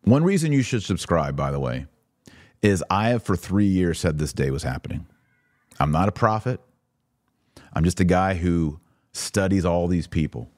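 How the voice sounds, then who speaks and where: A man hosts a podcast of religious commentary for a live online audience, speaking emphatically, posing rhetorical questions and acting out imagined objections. His voice is low and darkish with lively intonation, delivered at normal speed with long pauses. The studio sound is clean, with no echo.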